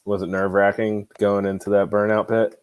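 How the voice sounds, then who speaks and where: A man asking questions in a casual podcast chat over a remote call, chatty and quick to laugh and agree. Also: on the low side, level tone, a little hiss or hum. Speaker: interviewer.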